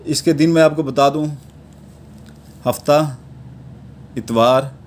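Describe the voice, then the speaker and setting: An amulet-making teacher with a Pakistani Urdu accent and a fairly high voice gives an unhurried, step-by-step lesson on drawing a charm. After nearly every step he checks in with the same repeated verbal tag, and there's slight background noise.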